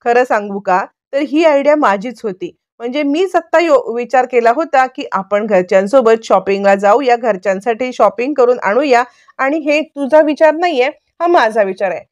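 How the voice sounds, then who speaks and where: A woman's voice: a little high, normal speed, darkish tone, close to an everyday voice. A woman voicing a boastful, quarrelsome young husband who brags and bickers. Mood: bickering. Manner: bickering, bragging, pushy.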